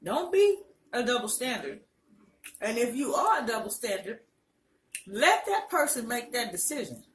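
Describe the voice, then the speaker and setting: A woman's voice: on the high side, big pitch swings, normal speed, a bit bright. A woman chats casually and frankly between bites of crunchy fried chicken, in a colloquial mukbang style. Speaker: vlogger. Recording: roomy, distant mic, faint noise, clicks.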